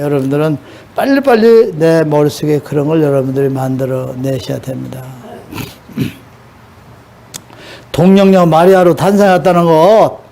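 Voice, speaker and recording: Older guy preaching, scolds the congregation, highish but mellow voice, keeps asking right or not. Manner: scolding, asks the audience rhetorical questions. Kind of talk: sermon.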